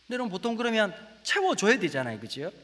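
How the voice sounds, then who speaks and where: A man preaching a testimony sermon in a Gyeongsang accent, telling his story with big loud peaks and hushed asides. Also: sits high, fast talker. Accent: Gyeongsang Korean. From Gyeongsang region, Korea. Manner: animated storytelling, swings between loud exclamations and hushed asides. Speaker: guest preacher. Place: church sanctuary. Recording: church hall with long reverb.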